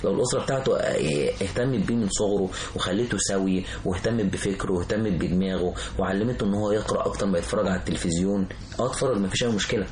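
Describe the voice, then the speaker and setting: Rapid lowish-voiced Egyptian man, echoey room. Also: a little mellow, slight background noise. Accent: Egyptian Arabic. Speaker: guest. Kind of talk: casual chat. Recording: roomy echo.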